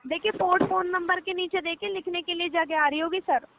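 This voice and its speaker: A woman's voice: very high voice, fairly even intonation, a little fast, vocal fry. A woman working as a customer care agent speaks in a polite customer service voice, patiently giving instructions and often saying sir, over a phone call. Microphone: telephone call. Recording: narrow tinny phone line, faint noise.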